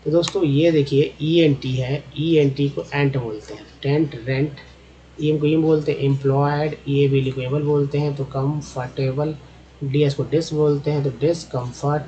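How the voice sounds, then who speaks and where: A man's voice: fairly high pitch, steady tone, moderate pace, warm tone, muffled recording. Man teaching English spellings. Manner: repeats each sound several times, addresses viewers as friends. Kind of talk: slide-based spelling and pronunciation lesson.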